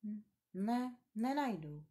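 A woman voicing a grown man, a kind and worried pilot, speaking low and hesitantly in a storybook reading. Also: lively intonation, warm tone, natural voice. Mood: caring.

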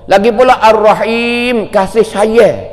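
Brief: man, preacher giving an emphatic, repetitive sermon, high-pitched, long hall reverb. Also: slow pace. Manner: emphatic, repetitive, rhetorical questions. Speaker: religious teacher.

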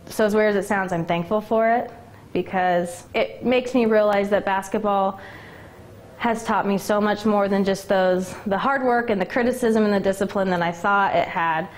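A woman's voice: mid-range voice, steady tone, normal speed. A young woman in her twenties, a former college basketball player, speaking candidly and emotionally in an interview, with lots of "like" and "um". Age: 20s. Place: indoor gym locker room.

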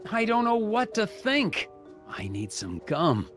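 Awkward high-voiced cartoon agent. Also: male voice, huge pitch swings, slow pace, over music, heavily acted. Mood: puzzled. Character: earnest, awkward, by-the-book male FBI puzzle agent. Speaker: detective in a puzzle video game. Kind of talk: cartoon game dialogue and noir-like narration.

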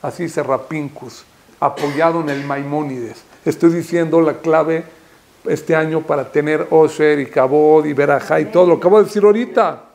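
A rabbi preaching in a high, emphatic voice. He climbs to impassioned, repeated calls. He drops Hebrew terms throughout his Torah sermon. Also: fairly even intonation, normal speed, gravelly, darkish tone. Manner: peppers speech with Hebrew terms.

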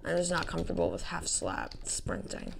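A woman's voice: deep voice, huge pitch swings, moderate pace, vocal fry, a little hiss or hum. A woman hosting casual gameplay commentary, rambling and self-deprecating, with slightly slurred articulation as if talking with something in her mouth. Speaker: gaming video host. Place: indoors, voice-over at a computer.

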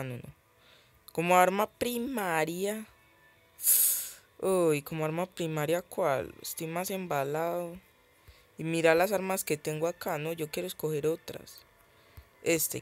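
A man's voice: on the high side, no room sound. Chatty man commenting on a game. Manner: chatty, thinks aloud, easily startled. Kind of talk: casual gameplay commentary.

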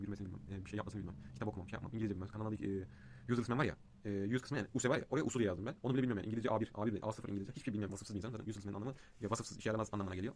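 A man's voice: lowish voice, darkish tone, slight background noise. A young man talking casually to the camera in a vlog, rambling with many fillers and ranting when annoyed. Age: young adult. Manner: agitated ranting. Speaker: vlogger. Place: outdoors in cold wind.

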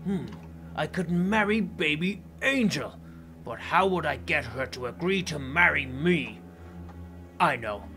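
A man's voice: a little high, expressive, measured pace, sharp tone, soft background music. A man voicing a scheming, greedy villain in a game roleplay, muttering sing-song lines and cackling. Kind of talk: Minecraft roleplay voice acting.

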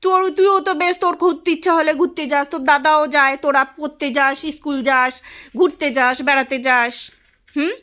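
A woman's voice: high voice, steady tone, normal speed, fairly bright tone. A middle-aged woman from West Bengal, India, vlogging at home in a casual domestic style and venting her complaints at length in an aggrieved tone. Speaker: vlogger and housewife.

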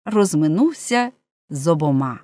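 A woman narrating an adventure audiobook with an expressive, varied reading. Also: low voice, measured pace, no echo.

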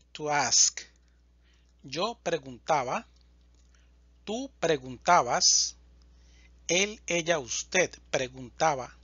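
A man teaching a slow, deliberate verb conjugation lesson, reading word lists with even spacing. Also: a little high, husky, no echo, highs cut off. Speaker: Spanish teacher.

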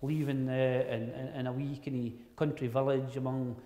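A man's voice: medium pitch, flat delivery, normal speed, mellow. A middle-aged man from Ayrshire with a broad Scottish accent, speaking in Scots to a room from a lectern microphone as a poet. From Ayrshire, Scotland. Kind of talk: public talk in Scots on poetry, with recitation. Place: large wood-panelled hall, indoors. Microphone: handheld-type microphone on a stand at lectern. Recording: echoey hall, long reverb.

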